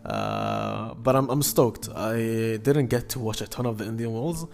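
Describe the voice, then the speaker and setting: Halting, creaky-voiced man hosting a podcast. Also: mid-range voice, wildly swooping pitch, darkish tone. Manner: halting, hesitant speech with frequent stops and repeats. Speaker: podcast host. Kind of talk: casual solo sports betting preview.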